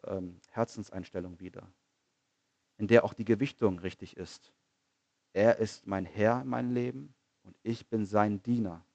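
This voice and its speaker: A man preaching a sermon in an earnest manner, asking rhetorical questions, repeating phrases and slowing down on key lines. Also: fairly low pitch, darkish tone, no echo, muffled recording.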